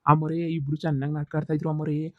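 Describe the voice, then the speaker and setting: A tattling village farm servant from a cartoon comedy, voiced by a man. He talks very fast in a flat, high-set voice. The sound is thin and tinny, like a phone line. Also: no room sound, lightly acted. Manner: deferential, tattling, rapid.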